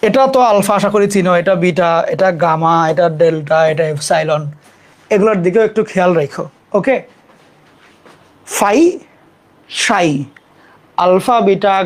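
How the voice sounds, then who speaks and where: A young adult teacher, giving a casual live math lesson, repeating terms slowly for students to copy and apologizing quickly for mistakes on the board. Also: medium pitch.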